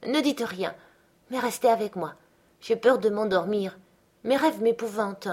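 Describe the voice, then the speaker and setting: A woman's voice: medium pitch, unhurried, a little mellow, husky. A woman voicing a delirious, frightened young woman in an audiobook, anxious and pleading. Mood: shaken, pleading. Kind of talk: audiobook character reading.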